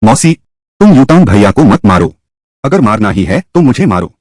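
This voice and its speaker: A man's voice: fairly low pitch, big pitch swings, moderate pace, a little mellow, no room sound, clean studio sound. A man voicing a scheming young woman who pleads with a show of meekness in a dubbed story. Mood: pleading. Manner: pleading, falsely meek. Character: scheming sweet-faced young cousin.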